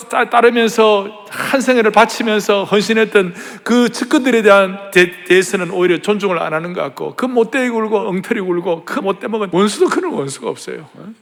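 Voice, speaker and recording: A middle-aged man preaching in a large church, his voice pitched high with a gravelly edge. He tells the story dramatically, dropping to hushed whispers and rising to loud cries. The sound carries a long reverb from the hall. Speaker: pastor. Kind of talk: sermon.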